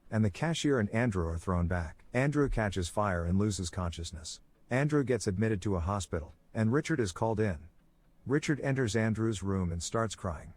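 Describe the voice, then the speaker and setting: A man giving a scripted narration, with a steady, even storytelling delivery. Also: lowish voice. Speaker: movie recap narrator.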